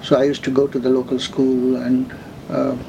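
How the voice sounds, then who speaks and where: A man in his seventies from India, slowly telling his life story in an oral history interview, with many pauses and fillers. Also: medium pitch, monotone, gravelly, noisy background. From India, West Bengal. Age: 70s.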